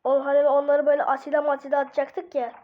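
A woman doing casual gaming role-play, voicing baby characters in excitable, slangy banter with herself. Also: high voice, quick pace. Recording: dull lo-fi mic.

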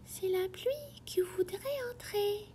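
The rain as a sad, gentle little voice, high and hushed, half breathed out, as a woman reading a storybook puts it on. It speaks slowly in a mellow tone. A faint hiss sits behind it. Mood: sad, soft. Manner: soft and breathy.

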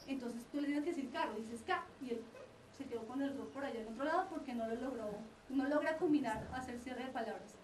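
Woman, lecturer, high voice, quick delivery, explanatory, roomy sound from afar. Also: darkish tone, slight background noise. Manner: explanatory, often checks in with the audience. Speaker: lecturer on child development. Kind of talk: lecture to parents and teachers. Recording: roomy lecture recording from a distance.

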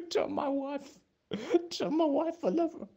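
A man voicing a wounded, dying cowboy in a comic cartoon, halting and repeating himself. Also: very high voice, mellow, lo-fi sound. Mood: wounded, pleading. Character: small timid high-voiced cowboy, wounded and dying.

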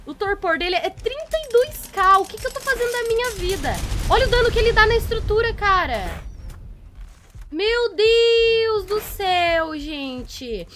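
A Brazilian woman giving excitable live commentary while playing a survival game, exclaiming and laughing in despair. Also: very high voice, moderate pace, noisy background. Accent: Brazilian Portuguese. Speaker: gaming YouTuber.

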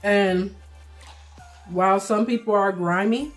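A middle-aged woman giving casual, plainspoken vlog commentary while eating, pausing for bites and repeating phrases for emphasis. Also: mid-range voice, fairly even intonation, soft background music. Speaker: vlogger. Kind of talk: casual mukbang commentary chat.

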